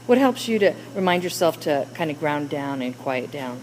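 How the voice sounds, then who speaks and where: A woman's voice: deep voice, sing-song, normal speed, a little mellow, slight background noise, poor audio. A woman teacher leading a classroom discussion with children, coaxing them with question after question.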